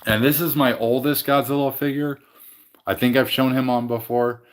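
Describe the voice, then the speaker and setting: Medium in pitch and steady in tone, this man talks at a moderate pace while hosting a casual livestream from his game room at home. He greets live viewers and rambles through his collection, repeatedly restarting and self-correcting.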